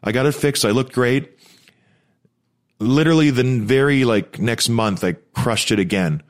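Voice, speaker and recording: A former pro hockey player co-hosting a podcast chats casually and tells rambling personal stories in a mid-range voice at a moderate pace. A broken, blocked nose has him breathing through his mouth.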